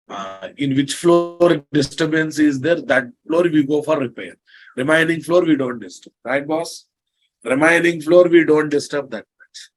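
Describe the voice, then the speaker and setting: A man with an Indian accent gives a live online lesson in a fairly high voice. He takes it slowly, repeating key phrases and stopping to ask rhetorical questions. His way with learners is blunt and teasing. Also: rough recording. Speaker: programming instructor.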